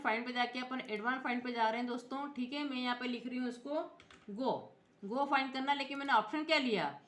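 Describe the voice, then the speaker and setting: Female computer teacher: high, bright voice, patient step-by-step explanations, echoey room sound. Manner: explains step by step, spells out letters, often checks in with viewers. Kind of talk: screen-recorded software tutorial.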